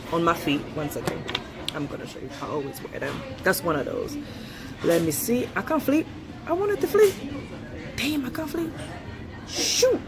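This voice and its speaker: A Swiss woman in her thirties, a vlogger whose first language is French, speaks in a low voice with a Swiss French accent touched by British. In her casual vlog she's blunt and chatty, laughs a lot, and swears freely. The recording is rough.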